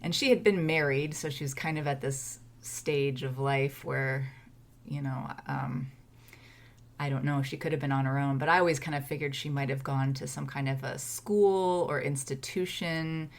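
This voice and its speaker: Female guest, low voice, chatty, thinks aloud in a casual chat. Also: steady tone, moderate pace, creaky. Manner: thoughtful, speculating aloud. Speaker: history tour guest.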